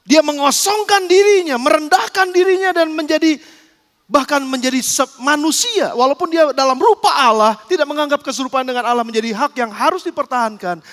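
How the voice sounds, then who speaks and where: A male pastor delivers a sermon with an unusually high voice, spinning a lively story and turning often to the congregation. His voice rings through a church hall with long reverb. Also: fairly quick.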